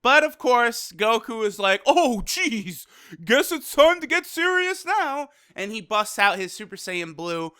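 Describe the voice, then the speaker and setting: A man's voice: high voice, pushed and bright, clean tone, no room sound, studio quality. A young man casually reviewing an anime episode, talking loosely and profanely with lots of "you know" and "like.".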